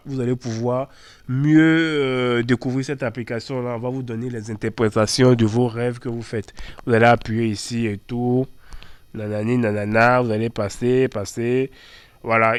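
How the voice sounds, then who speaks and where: Chatty man with a smooth, dry voice. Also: medium pitch, dry recording. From Ivory Coast. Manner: chatty, many fillers and repeated words. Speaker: tech channel host. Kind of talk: screen-recorded app walkthrough.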